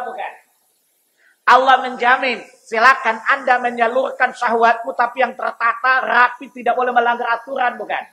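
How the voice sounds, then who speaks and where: Ustadz giving a mosque lesson, jokey, keeps asking the crowd, bright voice. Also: male voice, very high-pitched, rough recording. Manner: joking, asks the audience questions. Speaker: preacher.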